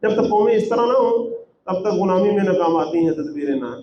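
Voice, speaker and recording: A man with a fairly high voice teaches from scripture, reciting verses and then explaining them with rhetorical questions. The room is echoey, with faint noise underneath. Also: lively intonation, muffled recording. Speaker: Quran translator and teacher. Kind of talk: Quran translation with commentary.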